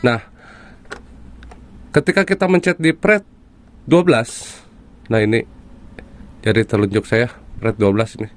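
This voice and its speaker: A man talks through a guitar tutorial in a relaxed, conversational way, speaking to viewers as "guys" and using frequent fillers. His voice sits at a middling pitch. Faint guitar playing is heard behind him. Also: unhurried, pauses often. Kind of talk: casual tutorial explanation.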